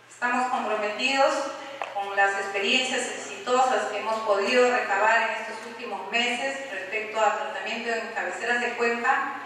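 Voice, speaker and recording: Bright-voiced Peruvian woman in an echoey hall. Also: fairly high pitch, far from the mic, slight background noise. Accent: Peruvian Spanish. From Peru. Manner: explanatory, with rhetorical questions and fillers. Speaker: conference speaker. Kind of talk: technical presentation to an audience. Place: large conference hall.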